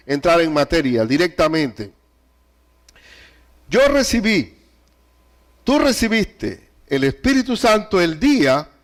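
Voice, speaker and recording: A man preaching a sermon, speaking emphatically, repeating key phrases and asking the listeners rhetorical questions. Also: high-pitched. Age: adult with a child.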